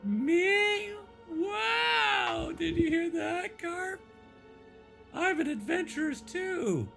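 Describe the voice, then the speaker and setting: A man voicing Pip, an excited young halfling boy who shouts with glee. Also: extremely high pitch, normal speed, faint music behind, voice pushed up, full character voice.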